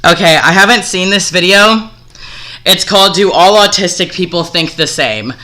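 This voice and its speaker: A man's voice: high voice, normal speed, pushed and bright. A man streaming casual commentary as he reacts to a video, talking bluntly and swearing freely, with some hesitant fillers.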